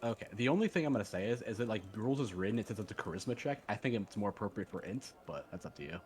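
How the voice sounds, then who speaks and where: Fast-talking, deep-voiced man playing a tabletop game. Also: expressive. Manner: rambling, hedging, heavy use of "like". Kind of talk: casual in-game chat. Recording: faint background noise.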